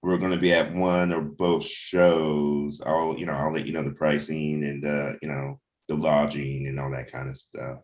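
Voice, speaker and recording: Speaking in a bass voice with a level tone, at normal speed and with few pauses, a man runs a comic creators' team meeting. The talk is relaxed, mixing planning with anecdotes, and he frequently checks in with the others.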